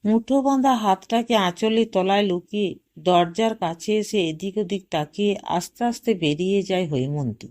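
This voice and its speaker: A woman reads a short story as an audiobook at a measured pace, softly voicing the characters' dialogue. Her voice is medium in pitch.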